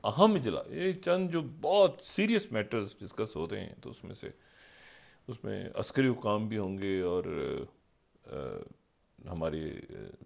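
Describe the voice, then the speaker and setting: A man giving political analysis on a live TV talk show. He rambles, poses rhetorical questions, and swings from low murmurs up to raised, emphatic peaks. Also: sing-song, unhurried, vocal fry, dull audio. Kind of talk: live TV current-affairs commentary.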